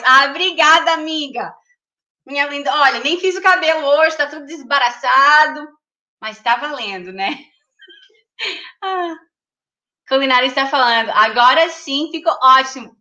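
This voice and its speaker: A woman's voice: sits high, pushed and bright. A woman hosting a casual livestream, chatting and laughing as she reads viewer comments aloud. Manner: giggly, laughs often. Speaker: livestream host.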